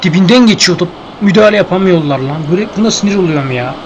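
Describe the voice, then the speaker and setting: A man's voice: high voice, expressive, rapid-fire, highs cut off, music in the background. A young man giving live gameplay commentary, grumbling and frustrated at the match. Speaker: gameplay streamer.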